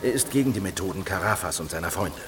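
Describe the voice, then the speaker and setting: Here the same role, the composed and resolute leader of a hidden heretical group in a German radio play, is voiced by a man with a low register. He talks fast and assuredly persuasive, while faint music plays underneath.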